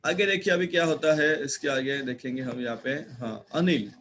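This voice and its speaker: A man's voice: medium pitch, moderate pace, a bit bright, a little hiss or hum. A male teacher, teaching an online class and quizzing pupils with repeated questions. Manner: questioning, repeats key words. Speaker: school teacher.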